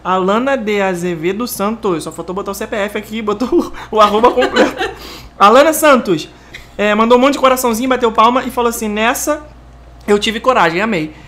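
A man's voice: sits high, fast, a bit bright. A Brazilian man co-hosting a casual podcast, reading listener comments and teasing with lots of laughter. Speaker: podcast co-host.

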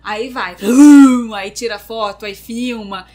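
A woman's voice: high voice, moderate pace, a bit bright. A woman co-hosting a casual chat, describing things vividly with sound effects and repetition.

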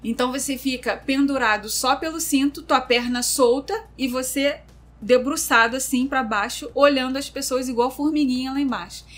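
A woman's voice: high-pitched, normal speed, fairly bright tone. A woman co-hosting a casual chat, describing things vividly with sound effects and repetition.

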